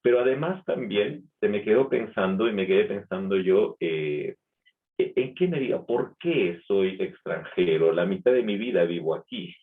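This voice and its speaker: A man's voice: on the low side, lively intonation, moderate pace. A man with a light Peruvian accent preaching a Sunday sermon in a reflective manner, asking rhetorical questions. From Peru. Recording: tinny phone-like sound.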